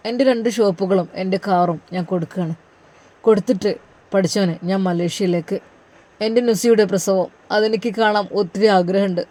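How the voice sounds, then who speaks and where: Narrator doing an anxious, pious young husband. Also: male voice, sits high, steady tone, a little fast, a little mellow, lightly acted. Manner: earnest, pleading prayers. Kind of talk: storybook narration, inner monologue.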